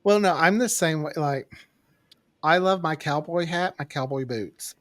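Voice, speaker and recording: A man's voice: fairly high pitch, measured pace, a bit bright. A man chatting casually and candidly as a podcast co-host, playful and prone to wandering off topic. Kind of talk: casual chat.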